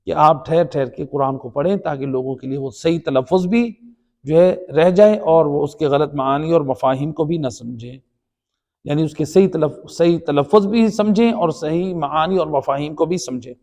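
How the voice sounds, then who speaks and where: A man's voice: a little high, warm tone. A man with a Pakistani Urdu accent teaching the Quran in a religious lecture, explaining by repeating points and asking rhetorical questions. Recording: long hall reverb.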